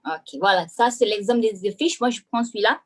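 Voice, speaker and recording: A woman's voice: mid-range voice, brisk. A woman French teacher giving a hesitant online presentation over a video call, with many fillers and restarts.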